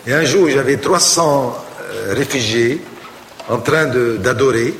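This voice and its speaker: A man, a priest, preaching a sermon with animated storytelling. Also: mid-range voice, a little slow, creaky, reverberant, in a large hall, a little hiss or hum.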